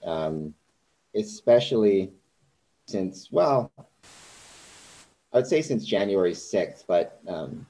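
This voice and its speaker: Male podcast host, low mellow voice, hesitant and halting. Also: animated, poor audio. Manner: hesitant, many ums and restarts. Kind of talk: conversational interview.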